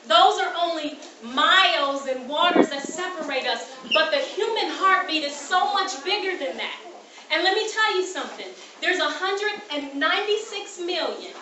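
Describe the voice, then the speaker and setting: Delivering a graduation keynote in the ceremony room, an American woman speaks emphatically in a high, pushed, bright voice, repeating phrases and questioning the audience to motivate them. The sound is roomy and poor, picked up from a distance with slight background noise.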